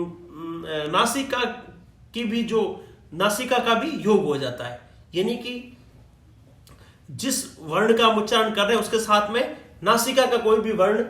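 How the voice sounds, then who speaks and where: Male grammar teacher, high-pitched, patient and repetitive delivery, recorded off-mic in an echoey room. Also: fairly bright tone, far from the mic. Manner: explains patiently, repeats sounds, asks "right?" often. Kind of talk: classroom-style lecture.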